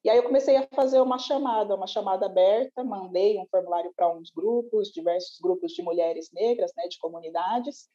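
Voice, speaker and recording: A woman's voice: medium pitch, fairly quick, hardly any pauses, mellow, muffled recording. A woman, a guest on a panel, telling her story reflectively and often adding tag questions. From Brazil. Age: 20s. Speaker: panel guest, community CEO. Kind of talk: conversational panel interview.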